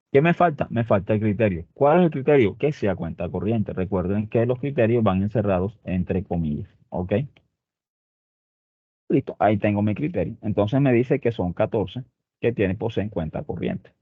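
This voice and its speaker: A man teaches a spreadsheet lesson, explaining each step and stopping often to check that his students are following. His voice sits on the low side. The sound is tinny and dry, like a phone line with no room around it. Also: no echo. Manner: explains step by step, with frequent "¿ok?" and "muchachos" check-ins. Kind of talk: spreadsheet tutorial.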